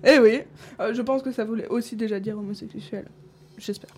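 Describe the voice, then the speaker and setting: A woman's voice: fairly high pitch, fairly even intonation, a little fast, darkish tone, slightly rough. A woman host in casual chat, listing old slang words with amusement and frequent laughs.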